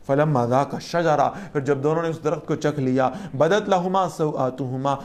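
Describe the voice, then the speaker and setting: A woman giving a Quran lesson, reciting Arabic verses and explaining each one with questions to her listeners. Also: extremely low pitch. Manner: lively, asks the listeners questions. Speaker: Quran teacher.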